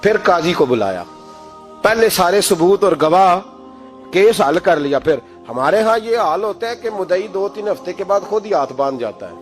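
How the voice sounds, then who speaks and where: A man delivering a storytelling sermon in a high voice. He swings from loud, emphatic peaks down to hushed lines. Soft music runs faintly behind him. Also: big pitch swings, normal speed. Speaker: preacher.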